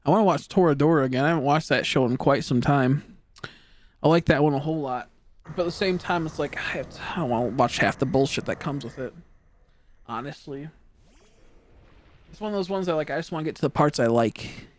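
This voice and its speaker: A man's voice: on the high side, fairly quick. A teenage boy streaming a game, chatting casually and rambling, often trailing off into mumbles. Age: teens. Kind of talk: casual chat while gaming.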